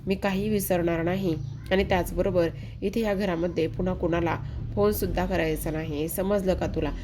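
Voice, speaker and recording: A woman's voice: on the low side, steady tone, moderate pace, background noise, close to an everyday voice. Woman reading as a stern scolding brother. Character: stern angry older brother giving orders.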